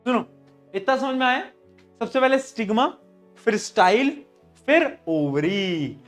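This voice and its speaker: A man's voice: very high-pitched, normal speed, fairly bright tone, faint music behind. Playful teacher quizzing his students. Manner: playful, jokey, quizzes students with repeated questions; calls students "beta" in a fond, teasing way. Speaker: science teacher. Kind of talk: live online class.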